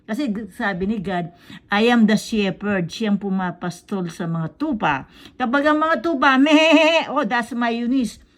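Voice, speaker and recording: Storyteller: woman, somewhat high voice, chatty quizzing tone with a child. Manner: quizzing, checks in with "tama?" after each point. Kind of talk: casual storytelling in mixed Tagalog and English.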